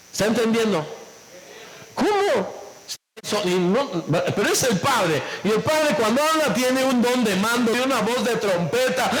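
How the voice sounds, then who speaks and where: A high-pitched male pastor preaches to his congregation, pressing them with repeated questions. His voice rings through a reverberant church hall. Faint room noise sits underneath. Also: fairly bright tone. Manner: asks the congregation many questions; acts out quoted voices in a lower tone. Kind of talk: sermon.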